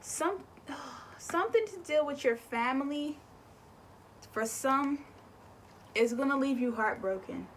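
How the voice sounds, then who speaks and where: A woman's voice: sits high, animated, unhurried, pauses often, a little hiss or hum. A young woman giving a casual spiritual card reading, chatty, repeating words and swearing offhandedly. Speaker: tarot and oracle card reader.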